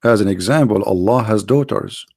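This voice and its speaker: Gravelly, tired-voiced man lecturing. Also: lowish voice, darkish tone, no echo, studio quality. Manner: emphatic, rhetorical questions, halting restarts. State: tired, strained voice. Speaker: religious apologist. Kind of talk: lecture on scripture.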